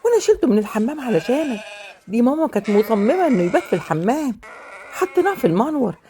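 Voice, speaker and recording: A young wife coaxes and pleads quickly with an Egyptian accent. Her voice sits fairly high. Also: sing-song, dark tone. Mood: coaxing. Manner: coaxing, quick. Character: young wife, soothing, caught between mothers.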